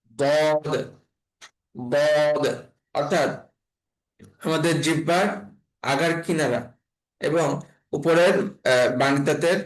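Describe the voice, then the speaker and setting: A man from Bangladesh teaching an online class on letter pronunciation, speaking slowly and repeating each sound several times. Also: on the high side, poor audio. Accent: Bangladeshi Bengali. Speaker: Quran reading teacher.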